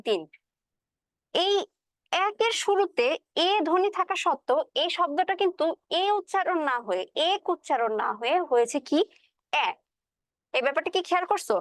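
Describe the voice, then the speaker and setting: A woman teacher with a high voice explains a lesson step by step and keeps checking that her students follow. She mixes English words into her speech. The recording is dry and close, with no room echo. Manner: spoken with English words mixed in. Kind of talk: classroom lecture.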